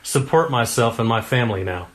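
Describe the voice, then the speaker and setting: A man's voice: mid-range voice, expressive, brisk. Man, political candidate, folksy, earnest, interview answers. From Oklahoma. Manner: folksy and earnest, with homespun exclamations. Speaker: congressional candidate.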